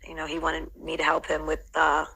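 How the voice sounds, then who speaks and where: Middle-aged woman, bright and edgy tone, storytelling guest with lots of fillers. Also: low-pitched, monotone, fairly quick, vocal fry, slight background noise, rough recording. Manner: reflective, heavy with "you know" fillers. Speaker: interview guest. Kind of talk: casual storytelling interview.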